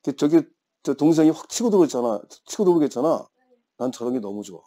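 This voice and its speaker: A man's voice: fairly high pitch, expressive, fast talker, mellow. A man in his fifties teaching an English grammar class, telling playful stories and teasing his students. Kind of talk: classroom lecture with chatty anecdotes.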